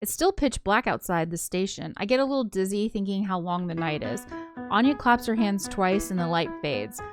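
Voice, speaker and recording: A woman with a medium-pitched, animated voice speaks at a normal pace while co-hosting a let's play, reading the visual novel's narration aloud and tossing in casual commentary. The game's soundtrack plays behind her.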